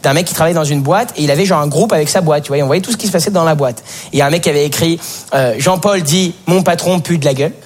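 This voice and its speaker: A teenage man doing stand-up comedy on stage, talking to the audience and slipping into put-on voices. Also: very fast. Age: teens. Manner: lively, jumps into shrill put-on voices. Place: theatre stage. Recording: live show, noisy crowd.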